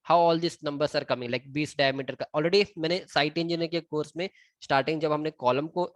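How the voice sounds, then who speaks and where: Speaking on the high side with fairly even intonation and at a moderate pace, an Indian-accented man walks through civil engineering drawings in a screen-recorded tutorial. He alternates between Hindi and English, counting out items as he indicates them, with no echo.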